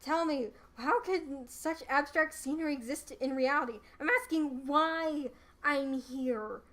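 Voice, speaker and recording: A woman's voice: sits high, measured pace, a bit bright. A woman playing an exasperated, dramatic man trapped in a fantasy world, in a novel read-aloud. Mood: impatient, sarcastic. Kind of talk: voiced character in web novel read-aloud.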